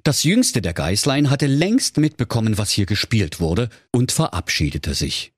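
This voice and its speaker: Husky, lower-voiced male storyteller, lively delivery, dry close sound, spoof fairy tale. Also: measured pace, no echo. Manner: mock-storyteller, addressing children with deadpan asides. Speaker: narrator. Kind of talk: comic fairy-tale narration.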